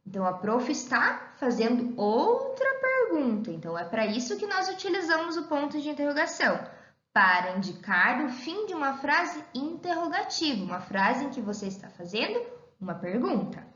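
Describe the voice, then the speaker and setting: A woman teacher giving an online lesson to young children, talking in a slow sing-song way and calling herself "the teacher.". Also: high voice, big pitch swings, a bit bright. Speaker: primary school teacher. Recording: echoey room, dull lo-fi sound.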